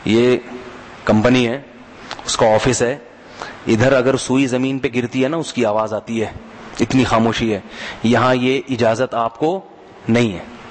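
A man's voice: medium pitch, fairly even intonation, unhurried, pauses often, long reverb tail. A man giving a sermon in a conversational way, telling humorous anecdotes and often asking his audience to answer back. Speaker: religious preacher.

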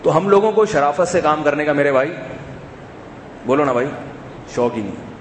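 A man giving a sermon to a live audience, chatting with the crowd, asking them rhetorical questions and dropping to a soft hush to make a point. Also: on the high side, lively intonation, slight background noise. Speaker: preacher and counselor. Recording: echoey hall with faint ambience.

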